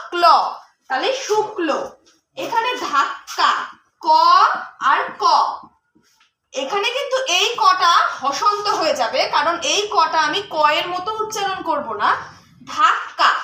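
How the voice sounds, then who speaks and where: A woman's voice: very high-pitched, sharp tone. A woman teaching young children as a primary school teacher, explaining patiently and asking her class many questions. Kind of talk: teaching children Bengali conjunct letters. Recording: echoey room.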